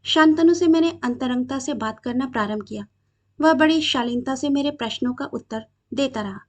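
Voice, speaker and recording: High-voiced woman reading a story. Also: moderate pace. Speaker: story narrator. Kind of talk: reading a short story aloud.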